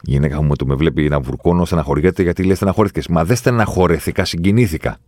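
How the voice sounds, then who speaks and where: A man's voice: extremely low pitch, a little mellow, no room sound. A middle-aged man hosting a podcast, delivering a reflective, emphatic solo monologue and repeating phrases to drive his points home. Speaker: podcast host.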